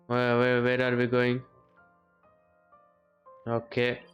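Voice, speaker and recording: A man's voice: medium pitch, completely flat delivery, slow pace, dull audio, faint music behind. A man giving casual, rambling live commentary while streaming a game.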